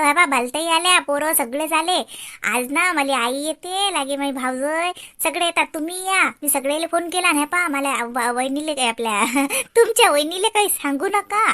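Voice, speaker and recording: A woman's voice: high-pitched, bright, forceful tone, no echo, clean studio sound. A woman playing a fussy, chattering young wife with a Varhadi Marathi accent in a cartoon.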